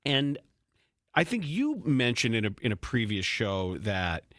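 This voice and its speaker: A man's voice: medium pitch, very animated, unhurried, a bit bright, no echo, studio quality. Chatty male sports podcast co-host. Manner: chatty, tells jokes, stumbles and repeats words. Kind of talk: casual sports talk.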